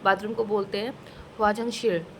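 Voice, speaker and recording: A woman teaching a casual language lesson, slowly explaining each phrase and repeating it twice, mixing English words into her talk. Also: mid-range voice, little pitch movement, slight background noise, rough recording. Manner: mixes English words into Hindi.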